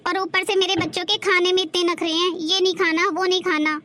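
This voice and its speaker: A woman's voice: extremely high pitch, flat delivery, fairly quick, bright, forceful tone. A young woman playing a married daughter who chatters about her household burdens in a family drama skit. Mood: complaining. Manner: complaining, talkative.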